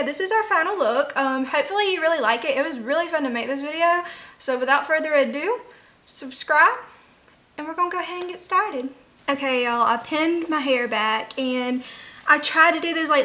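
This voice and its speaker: High, bright-voiced young woman vlogger. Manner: informal, frequent "like" as filler. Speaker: beauty vlogger. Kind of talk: casual chatty makeup tutorial. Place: indoors, rain audible outside.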